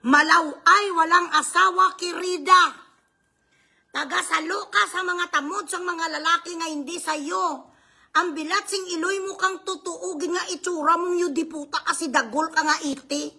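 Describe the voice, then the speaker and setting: A woman on a livestream, launching into a profane, insulting tirade and at times shouting. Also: very high-pitched, steady tone, moderate pace. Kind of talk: angry livestream rant.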